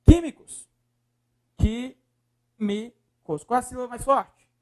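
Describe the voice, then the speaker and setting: With a Brazilian Portuguese accent and a high-pitched, lively voice, a man teaches a video lesson, coaxing his students and slowly repeating words syllable by syllable.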